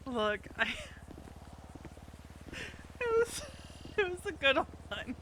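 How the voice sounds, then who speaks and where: A woman streamer chats loosely with her audience, laughing often as she talks. Her voice is bright and forceful, with faint noise underneath. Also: fairly high pitch. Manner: chatty, laughs often while talking to chat. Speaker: roleplay streamer. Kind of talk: casual live-stream chat.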